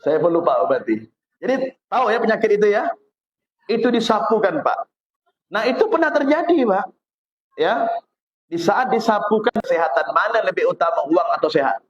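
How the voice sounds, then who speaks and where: A man's voice: sits high, very animated, moderate pace. A man from West Kalimantan with a Malay accent, preaching a sermon in a chatty, teasing storytelling way. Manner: chatty, teasing, jokes with the audience. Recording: dull lo-fi recording.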